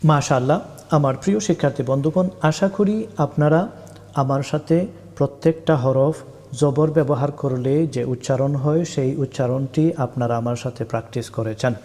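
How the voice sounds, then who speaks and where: A man's voice: mid-range voice, moderate pace, warm tone. A man teaching Arabic letter sounds for Quran reading in a recorded lesson, speaking patiently and drawing out the spelled syllables. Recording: long hall reverb.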